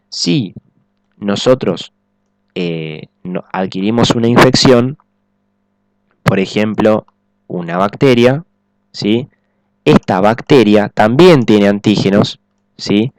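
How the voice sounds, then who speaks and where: A man's voice: lowish voice, animated, unhurried, pauses often, no room sound. A man giving a recorded biology lecture, explaining step by step and checking in often with the class. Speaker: teacher.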